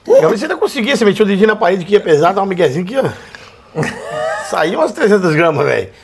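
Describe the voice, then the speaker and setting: A man's voice: high-pitched, fast, vocal fry, slight background noise. A man from Brazil, telling football stories in a casual chat and mimicking the people in them. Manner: animated storyteller, mimics people in quotes. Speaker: podcast guest, former footballer.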